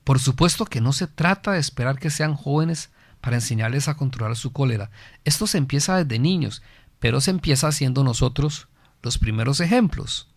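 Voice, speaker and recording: A Costa Rican man hosting a family guidance program delivers an earnest parenting lesson in Costa Rican Spanish, asking and answering his own questions and repeating phrases for emphasis. His mid-range voice is expressive and brisk, with no echo on the recording.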